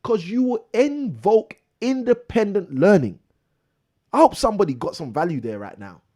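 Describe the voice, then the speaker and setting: A man's voice: high-pitched, very animated, normal speed, mellow. A man hosting a live property investing show, delivering a preachy motivational monologue that repeats phrases for emphasis.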